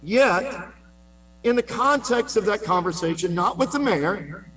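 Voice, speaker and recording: A man moderating a public meeting, firmly pressing speakers for clear commitments. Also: high voice, animated, measured pace, a bit bright, a little hiss or hum.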